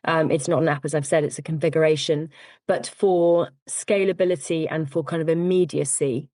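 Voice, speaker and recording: Low-voiced woman explaining calmly. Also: dry recording. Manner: measured, explanatory, frequent "um" and "you know". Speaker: cyber security firm founder, guest. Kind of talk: podcast interview.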